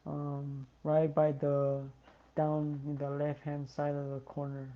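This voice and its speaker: A fan commentator calling a match live for a watch-along stream, tired and yawning, talking in a slow, low-key way. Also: monotone, phone-quality sound. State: sleepy.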